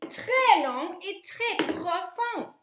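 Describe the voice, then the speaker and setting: A woman's voice: very high voice, sing-song, very slow, reverberant, background noise, voice pushed up, exaggerated voice. A woman voicing a bold, adventurous big-sister girl who calls out eagerly and bosses her little brother. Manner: eager, bossy, calling out.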